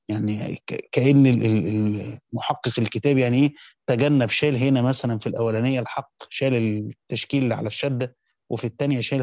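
Reading from a classical commentary and then unpacking it colloquially, this Quranic exegesis teacher speaks with an Egyptian accent and keeps restarting mid-phrase. The recording is dry, and his mid-range voice is a little mellow.

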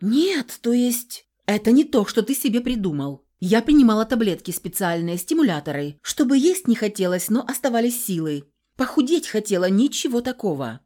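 A woman voicing a frightened, indignant young woman who shouts back in shrill outrage. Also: sing-song, slow pace, hardly any pauses. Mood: defensive.

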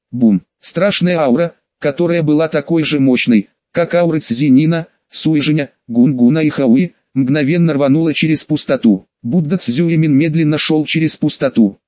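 A man narrating an audiobook in a steady, measured reading. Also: fairly high pitch, dry recording. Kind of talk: scripted narration. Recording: dull, dry studio recording.

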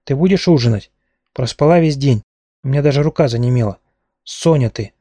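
A man's voice: mid-range voice, a little fast, dark tone, no room sound, natural voice. Guy voicing a teasing young charmer, bantering, storybook reading, dry close sound.

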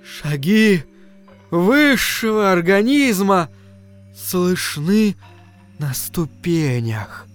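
A man voicing a mysterious, supernatural voice that calls out slowly over a crowd, drawing out each word and sinking toward a whisper. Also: high voice, very animated, fairly bright tone, smooth, faint music behind, pitched above the performer's own voice, heavily acted. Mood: solemn, rapturous. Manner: slow, drawn-out, swelling then sinking to a whisper. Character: mysterious booming supernatural voice from above. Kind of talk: audiobook character voice.

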